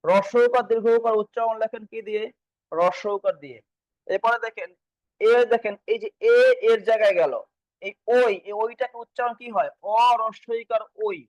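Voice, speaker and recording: A man with a high voice leads an exam-prep grammar class. He keeps repeating points and poses questions that he answers himself. The recording is dry and close, with no room sound. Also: brisk, darkish tone, no echo, highs cut off. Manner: repetitive, quizzing students and answering himself. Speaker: teacher.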